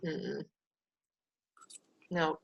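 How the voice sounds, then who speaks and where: A woman hosting a casual team call, chatty and laughing often, acting out quotes in a higher voice. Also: extremely slow. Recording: dull lo-fi call audio.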